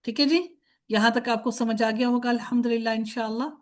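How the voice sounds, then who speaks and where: A woman's voice: on the high side, fairly even intonation. A woman teaching Arabic grammar in a recorded lecture, patiently chanting word forms in drills and posing questions she answers herself, with English words mixed in.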